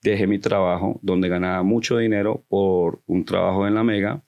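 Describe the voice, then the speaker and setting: A man's voice: low-pitched, fairly even intonation, moderate pace, creaky, darkish tone, muffled recording. A man who grew up in the United States, chatting as a podcast guest and telling his story, slipping English phrases into his Spanish. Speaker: podcast guest, company founder. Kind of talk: casual storytelling interview.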